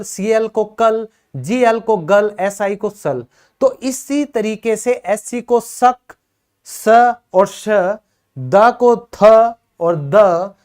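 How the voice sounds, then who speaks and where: A man's voice: high-pitched, darkish tone. A man teaching an English pronunciation lesson, repeating words emphatically to drill them.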